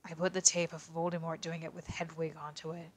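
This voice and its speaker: A woman voicing a quiet young male detective as he reads a fanfic aloud in character, tripping now and then over odd words. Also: low voice, little pitch movement, fairly quick. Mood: deadpan reading.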